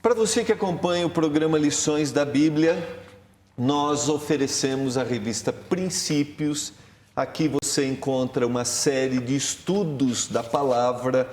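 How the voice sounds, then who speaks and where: A man, a pastor, hosting a Bible study program in a TV studio with emphatic, rising delivery. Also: moderate pace. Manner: warm, emphatic host with lively pitch rises. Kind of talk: religious TV studio talk. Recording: roomy studio with long reverb.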